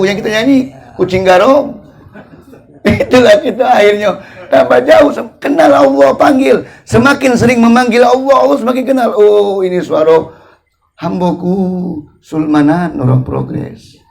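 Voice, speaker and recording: A male preacher with a Palembang accent gives a humorous, colloquial sermon at a religious study gathering. His voice sits high and has a gravelly, creaky edge. He drags out his chanted invocations slowly between the jokes. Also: a little mellow. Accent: Palembang Malay. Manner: joking, drawn-out chanted invocations. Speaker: ustadz preacher.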